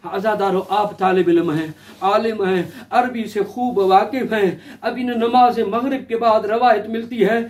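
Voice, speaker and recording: A man's voice: high voice, steady tone, measured pace. A male cleric giving a mourning sermon, half-chanted, with a tearful, rising lament. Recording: distant mic with crowd noise.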